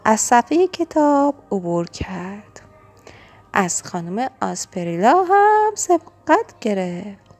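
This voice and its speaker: A woman reading a children's storybook aloud, expressive and engaging, speaking to the young listener. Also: medium pitch, soft background music. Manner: warm, expressive and engaging, asks the listener questions.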